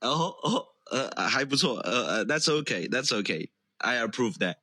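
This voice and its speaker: Playful bright-voiced man from Chengdu. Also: mid-range voice, very animated, normal speed, husky, no echo. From Chengdu, China. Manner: joking, playful. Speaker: caller. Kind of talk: casual chat.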